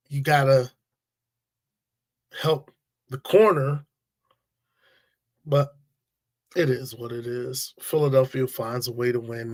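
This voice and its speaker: A man's voice: medium pitch, a bit bright. A man hosting a casual sports talk stream, blunt and opinionated, using slang and talking straight to his viewers. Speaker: sports talk show host. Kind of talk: casual sports commentary livestream.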